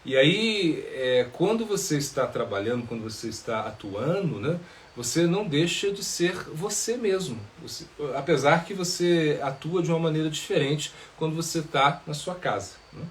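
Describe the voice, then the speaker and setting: A man, a monk, answering questions in a live spiritual talk, pausing often with filler sounds and tag questions. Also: on the high side, expressive, a little hiss or hum.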